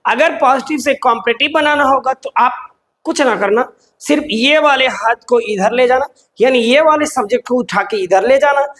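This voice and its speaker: High-voiced man teaching grammar. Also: normal speed, fairly bright tone. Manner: asks questions and answers them himself, repeats key words; drills patterns by repeating them. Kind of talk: explanatory online lesson.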